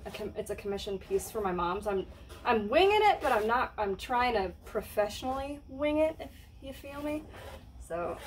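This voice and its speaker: A woman's voice: mid-range voice, a little hiss or hum. A woman chatting casually to camera while painting, giggly and self-mocking. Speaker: vlogger. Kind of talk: casual home vlog.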